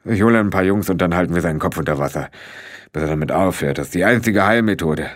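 Ein Mann spricht einen einfältigen, ernsten kleinen Krieger, bedächtig und schwerfällig. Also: male voice, deep voice, fast talker, natural voice. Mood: ponderous.

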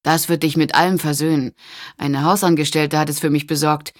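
A woman's voice: low-pitched, little pitch movement, a little fast, close to an everyday voice. A playful, joking man, as a woman reads him. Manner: dry and playful. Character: joking, proud, romantic grown man.

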